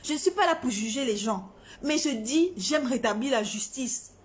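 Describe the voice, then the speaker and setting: Defiant high-voiced woman from Gabon. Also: lively intonation, normal speed. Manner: defiant, confrontational, repetitive. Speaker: singer. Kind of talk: heated social media rant.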